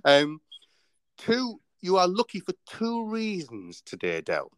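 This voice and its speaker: A man's voice: high voice, huge pitch swings, slow, fairly bright tone, clear, resonant tone, no echo. A man hosting a casual radio chat show, playful and laughing, running a quiz segment. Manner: playful, laughing, mimics customers. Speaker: host.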